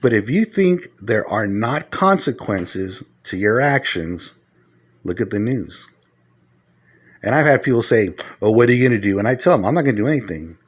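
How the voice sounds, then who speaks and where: A middle-aged man talking casually to the camera, giving earnest advice point by point and growing loud and heated as he retells arguments. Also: on the low side, big pitch swings, moderate pace, breathy edge. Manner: earnest, lecturing, numbers his points. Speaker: vlogger giving life advice.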